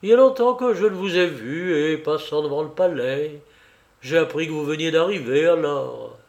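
A man's voice: fairly high pitch, normal speed, lo-fi sound, close to an everyday voice. A man reading as a guilt-torn young man. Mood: anguished. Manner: tense, faltering, earnest.

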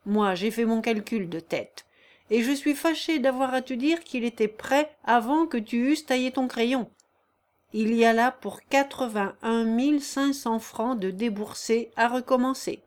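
A woman's voice: a little high, a little slow, natural voice. Woman reading as a stern, sardonic mill owner. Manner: commanding, sharp, loud.

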